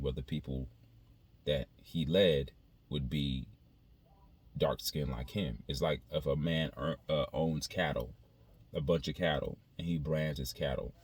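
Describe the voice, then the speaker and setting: A video creator with a bass voice talks casually and reflectively to his viewers, speaking haltingly and repeating phrases as he thinks out loud.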